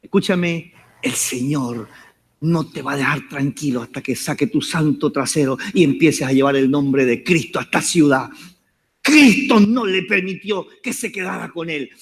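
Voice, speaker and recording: A man preaches a sermon to his congregation as an apostle, speaking fervently at a normal speed in a slightly high voice. He jokes at times, rises to shouts, and calls on listeners to repeat his phrases.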